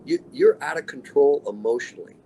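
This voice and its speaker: A man's voice: mid-range voice, huge pitch swings, brisk, vocal fry, mellow, slight background noise, low-quality recording. A man in his sixties, an extreme athlete and interview guest, telling motivational stories in short, punchy, emphatic statements. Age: 60s. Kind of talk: motivational storytelling.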